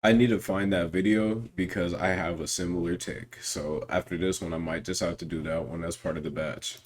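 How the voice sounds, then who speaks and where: A man's voice: low-pitched, fairly even intonation, a little fast. A man hosting a reaction video, chatting in a laid-back, slangy way with easy asides. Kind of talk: casual reaction commentary.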